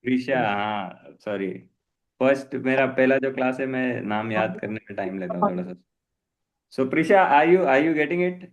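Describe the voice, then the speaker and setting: A man's voice: mid-range voice, lively intonation, moderate pace, highs cut off. A man coaching a live jump rope class, mixing Hindi and English and repeating short commands. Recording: echoey room.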